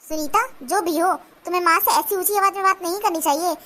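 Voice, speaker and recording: Cartoon son caught in the middle, placating, very high bright voice, done by a woman. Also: fast. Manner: pleading, placating. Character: young husband caught between mother and wife.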